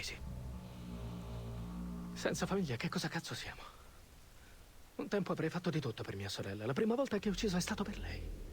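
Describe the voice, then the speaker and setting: An actor playing a volatile, unhinged male pirate leader who taunts and erupts into shouting. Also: on the high side, a little hiss or hum. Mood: brooding. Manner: menacing, erratic, swings into shouting. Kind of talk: game cutscene acting.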